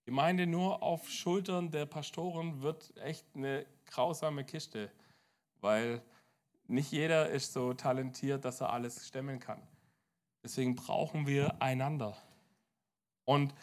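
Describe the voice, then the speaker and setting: A man preaching a lively sermon as pastor to his church, swinging between loud and soft. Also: medium pitch, unhurried.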